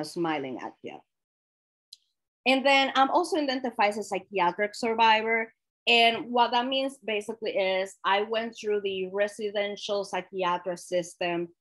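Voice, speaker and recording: A young Dominican woman whose first language is Spanish leads a workshop, talking candidly and personally at a middle pitch. She's animated, unhurried and a little bright, restarting phrases, correcting herself and laughing lightly as she chats.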